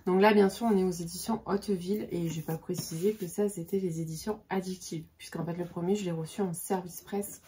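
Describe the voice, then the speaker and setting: A woman's voice: lowish voice, steady tone, fairly quick, hardly any pauses, mellow. A woman in her forties chatting casually about books on her vlog, hesitant with many fillers and restarts. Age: 40s. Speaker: book vlogger. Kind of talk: casual book vlog chat.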